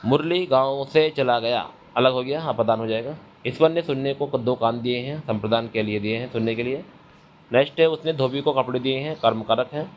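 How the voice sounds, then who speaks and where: At a moderate pace and medium pitch, a man teaches grammar for an upcoming exam, asking questions he then answers himself. He keeps repeating the key terms, and the lo-fi recording is dull with faint background noise.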